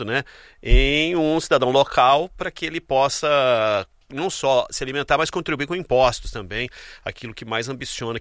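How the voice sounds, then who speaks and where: A man hosting a radio sports show, bantering quickly and upbeat with his co-hosts. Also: mid-range voice, a bit bright, no echo, studio quality. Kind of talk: casual radio sports chat.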